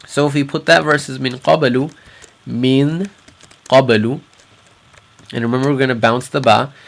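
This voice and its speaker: A man teaching a recitation class, patiently explaining and slowly repeating sounds for his students. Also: medium pitch, steady tone, vocal fry, fairly bright tone. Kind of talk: explanatory lesson.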